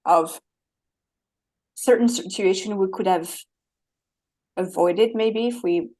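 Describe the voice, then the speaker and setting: A woman's voice: medium pitch, slow, darkish tone. A woman with a French accent, a guest life coach, speaking earnestly and with animation and laughing easily. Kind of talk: interview conversation.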